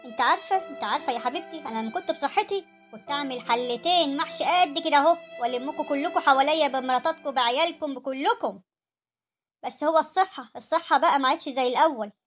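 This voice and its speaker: A woman voicing a poor, gentle older mother-in-law in an Egyptian cartoon story, pleading and self-effacing, with an Egyptian accent. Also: high-pitched, fast talker, soft background music.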